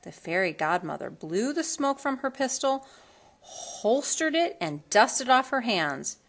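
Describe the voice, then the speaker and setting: Lively woman reading a storybook aloud. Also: a little high, a little slow. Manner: theatrical, emphasizes colorful words. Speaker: storybook reader. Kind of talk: expressive read-aloud of a children's storybook.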